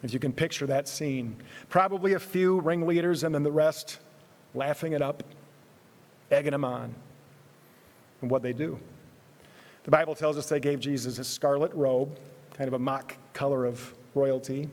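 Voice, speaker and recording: A man preaching a sermon in an earnest way, repeating words, moving between loud emphasis and hushed, quiet phrases. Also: on the high side, steady tone, normal speed, pauses often. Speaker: pastor. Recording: long hall reverb.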